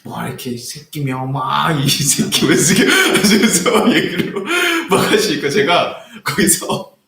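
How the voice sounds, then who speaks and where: A man's voice: fairly high pitch, unhurried, gravelly. A young man preaching a sermon as pastor, telling a personal story and acting out a heated argument. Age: young adult. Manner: animated, acts out quoted arguments in raised voice. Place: church sanctuary. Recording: echoey church hall.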